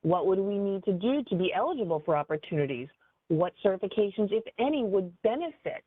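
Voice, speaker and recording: Animated woman advisor on a tinny line. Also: medium pitch, a little fast, no echo. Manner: animated, conversational, lots of fillers. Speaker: business advisor giving a training. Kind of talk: webinar presentation. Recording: tinny phone-like dry audio.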